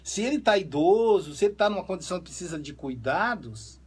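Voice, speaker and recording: A man, a psychoanalyst talking through family cases in a lively conversational way and acting out the quoted dialogue. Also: sits high, brisk, slightly rough. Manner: animated storyteller, acts out quoted dialogue. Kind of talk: conversational talk on family relationships.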